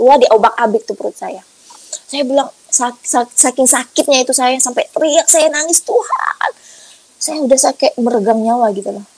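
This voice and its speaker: A woman telling her personal faith testimony in an animated, emphatic way, speaking colloquially and often acting out what people said. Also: on the high side, no room sound, low-quality recording. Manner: animated, emphatic storytelling with acted-out quotes; colloquial and repetitive. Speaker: guest giving a testimony.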